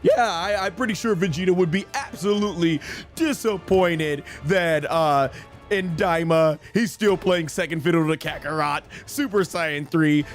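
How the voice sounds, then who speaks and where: A live streamer rambles through game commentary, chatting casually and enthusiastically like an eager fan. His voice is fairly high and his pace measured, with music playing in the background.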